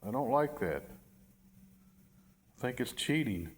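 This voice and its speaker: A man's voice: mid-range voice, very animated, measured pace. A middle-aged man rambling wryly about his channel in a casual vlog, in a cold, dim work building. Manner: rambling, wry and self-deprecating. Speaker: channel owner.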